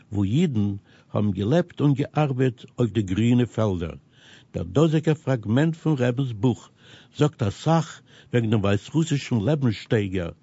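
A man presenting a scripted radio news program, reading items in a steady, measured way. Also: mid-range voice, breathy edge, no echo. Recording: dull, lo-fi radio recording.

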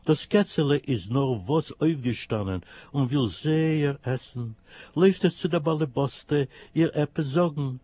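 A man reading a children's story in a lively sing-song manner. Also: on the high side, measured pace, husky, no echo.

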